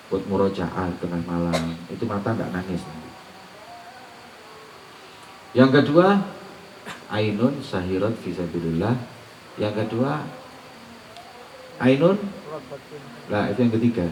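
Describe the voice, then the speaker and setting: Guy preaching, lowish voice, kinda far from the mic in an echoey hall. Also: takes it slowly, pauses often, a little mellow, a little hiss or hum. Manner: mixes Arabic recitation with colloquial teaching, asks rhetorical questions. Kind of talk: Islamic sermon. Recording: roomy echo, voice off-mic.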